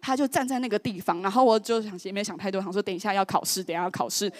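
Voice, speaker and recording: A woman, telling a personal story in an animated, exclamatory way. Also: medium pitch, rapid-fire. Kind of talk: lively storytelling. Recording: voice over loud background music. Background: background music.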